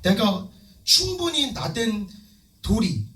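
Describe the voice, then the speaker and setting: A man's voice: sits high, big pitch swings, slow pace, fairly bright tone. A man preaching a sermon as pastor, fervent and emphatic, calling out to the congregation. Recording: echoey room, distant mic, faint music.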